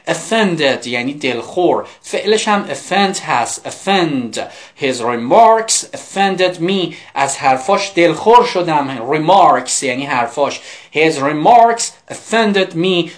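An adult English teacher leading a live vocabulary class in Persian, saying English phrases slowly and repeating them, with quick asides to the students in between. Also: medium pitch.

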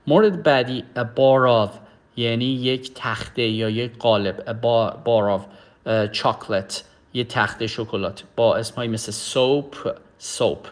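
A man teaching English vocabulary in a recorded lesson, saying each English word slowly and then translating it. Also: medium pitch. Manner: explains slowly, says English words deliberately and translates each one.

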